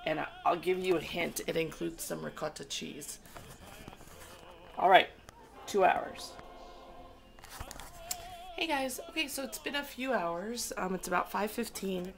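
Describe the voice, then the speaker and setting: Holding a camera in her kitchen, a woman with a lowish, creaky voice demonstrates a dish at a measured pace, often pausing. Her explanation is casual, chatty and instructive, packed with fillers, while food sizzles in a pan and soft music plays behind her.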